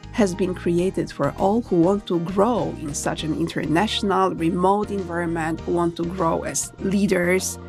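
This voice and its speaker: A woman from Poland with a Polish accent, hosting a podcast with a measured, deliberate delivery. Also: on the low side, darkish tone. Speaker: podcast host. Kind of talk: scripted intro and interview questions.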